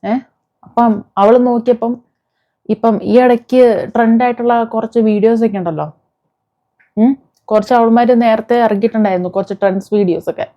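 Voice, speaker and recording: Speaking in a higher-leaning, steady voice at a fairly quick pace, this woman pauses often as she delivers indignant, informal video commentary. Her accent is Kerala Malayalam, and she scolds viewers and fires off rhetorical questions. The recording is muffled, dull lo-fi.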